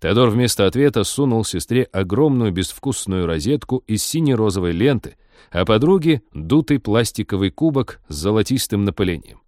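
A man narrating an audiobook with expressive, lively reading. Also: lowish voice, normal speed, no room sound, studio quality. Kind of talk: scripted narration.

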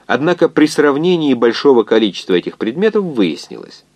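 A man narrating a science fiction novel in an expressive, measured reading. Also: mid-range voice, dry recording. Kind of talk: scripted audiobook narration.

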